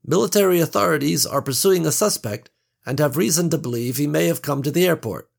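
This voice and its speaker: A man voicing a calm stewardess. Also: fairly high pitch, a little fast, creaky, voice pushed up. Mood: calm, official. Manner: calm, even announcement tone. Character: composed adult female flight attendant.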